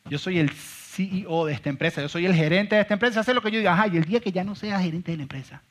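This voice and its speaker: A man preaching a sermon as pastor, emphatic and full of rhetorical questions, swinging from loud to quiet. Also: sits high, fast. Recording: dull lo-fi recording.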